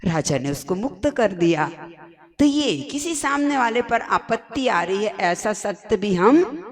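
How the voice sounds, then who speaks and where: Woman, nun, sermon, storytelling, slow emphatic phrasing, mid-pitched voice. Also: big pitch swings. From India. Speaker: Jain nun giving a discourse.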